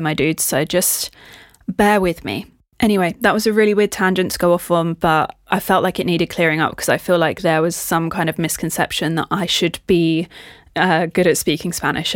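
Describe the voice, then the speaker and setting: A woman's voice: lowish voice, no room sound, studio quality. A young woman hosting a podcast, chatting on her own in a rambling, self-mocking way. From Britain. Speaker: podcast host. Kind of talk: casual solo chat.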